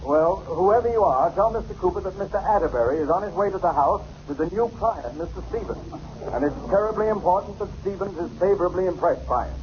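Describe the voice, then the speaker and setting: A man's voice: sits high, lively intonation, quick pace, slight background noise. An actor playing an impatient, brusque businessman on the telephone in a 1940s radio comedy. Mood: exasperated. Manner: brusque, exasperated. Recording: muffled 1940s radio recording.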